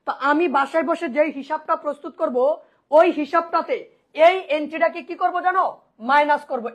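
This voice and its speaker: High-voiced woman teaching an accounting class. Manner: asks and answers her own questions, repeats key points; checks in with students by asking if it is clear. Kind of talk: online coaching class.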